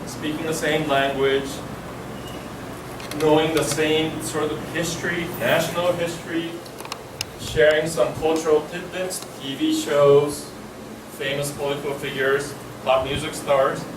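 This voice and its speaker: A man giving a university lecture in a measured, emphatic way, building points through lists. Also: on the high side, little pitch movement. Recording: echoey room, distant mic, air conditioning hum.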